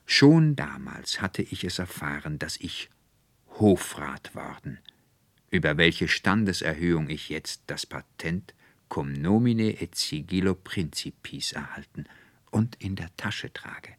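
A man's voice: low voice, lively intonation, slow pace, no echo, exaggerated voice. A man voicing an emotional, effusive middle-aged male clerk in a pleading tone. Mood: solemn.

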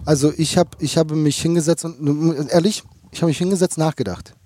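A man's voice: a little high, fairly even intonation, a little fast, mellow, slight background noise. A fish farmer talking casually in an interview, rambling and repeating words as he thinks aloud.

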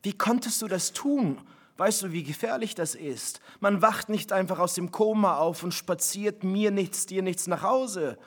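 Man voicing a shocked mother, urgent raised questions, somewhat high voice, read-aloud story. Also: very animated, unhurried, breathy edge, full character voice. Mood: alarmed. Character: shocked anxious mother, middle-aged woman.

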